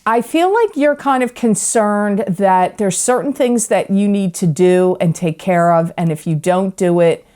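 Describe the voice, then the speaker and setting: A woman's voice: on the low side, warm tone. A middle-aged woman giving a casual tarot reading, rambling with many fillers and restarts. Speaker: psychic tarot reader.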